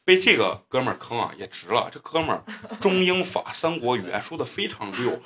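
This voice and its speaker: A man's voice: mid-range voice, very animated, a little fast, pushed and bright. A man hosting a casual podcast, telling travel stories in a boisterous, profane, joking way. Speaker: podcast host. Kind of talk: casual storytelling chat.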